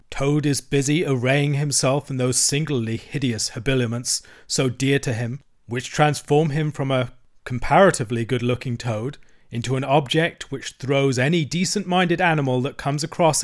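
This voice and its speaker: A grave old badger lays down the law, slow and deliberate, as a male reader puts him on. His voice stays firm and raised, used to being obeyed. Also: medium pitch, close to an everyday voice. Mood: solemn. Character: stern, solemn old male badger, commanding.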